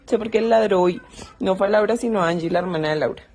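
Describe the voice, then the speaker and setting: A woman's voice: mid-range voice, quick pace, darkish tone. A woman, chatting casually to her viewers in a vlog and doting on her dogs in baby talk. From Colombia. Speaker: dog rescuer vlogger.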